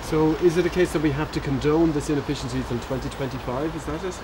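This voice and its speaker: A man's voice: a little high, fairly even intonation, quick pace. A man working as a news reporter, putting challenging questions at an outdoor doorstep interview. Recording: outdoor noise, traffic behind.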